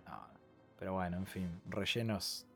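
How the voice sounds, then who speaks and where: A man with a Rioplatense accent co-hosting a casual podcast chat, lively and laughing often while acting out quotes. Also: sits low, a little slow, loud music behind the voice. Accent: Rioplatense Spanish. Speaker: podcast co-host.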